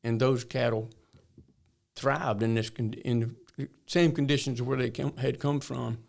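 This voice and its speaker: A man's voice: mid-range voice, fairly even intonation, unhurried, creaky, a little mellow. An older man from north Florida with a rural Southern drawl, telling stories in a folksy way as an interview guest. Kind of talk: storytelling interview talk.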